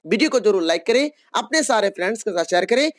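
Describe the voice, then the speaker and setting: A woman teacher in an exam-prep lecture, patiently walking through each answer option and reading questions out slowly before explaining them. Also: medium pitch, animated, dry recording, clean studio sound.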